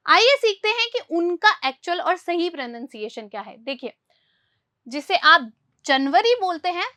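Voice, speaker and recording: A woman's voice: high-pitched, pushed and bright, no echo, clean studio sound. A woman teaching English pronunciation, quizzing her listeners and repeating each word back. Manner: repeats words with quizzing questions. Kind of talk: spoken English lesson in Hindi.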